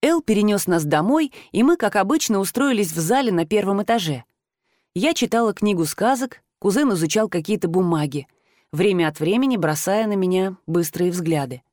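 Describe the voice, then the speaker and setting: A woman narrating a fantasy story in the first person, in a steady storytelling manner that rises higher when she voices the heroine. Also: normal speed, no echo, studio quality. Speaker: audiobook narrator.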